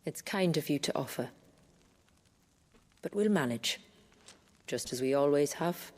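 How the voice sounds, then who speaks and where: An actress playing a proud, protective warrior chief in a video game, speaking in a solemn, deliberate way. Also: female voice, low voice, animated, a little mellow. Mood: guarded, proud. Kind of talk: dramatic video game acting. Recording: long reverb, music behind.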